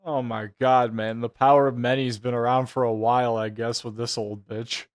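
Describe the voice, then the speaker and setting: A man's voice: mid-range voice, level tone, moderate pace, soft background music. A man giving a casual, mocking reaction commentary, profane and incredulous in his delivery. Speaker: reaction show host.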